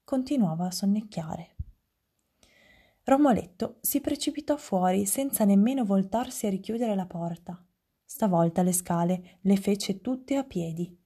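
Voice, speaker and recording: A woman narrating a children's story aloud, with lively storytelling and small stumbles. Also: medium pitch, measured pace, breathy edge.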